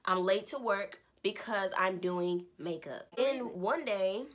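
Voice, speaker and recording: A young woman in her twenties casually telling an animated story about her life. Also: mid-range voice, slow pace. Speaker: vlogger. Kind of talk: story time vlog.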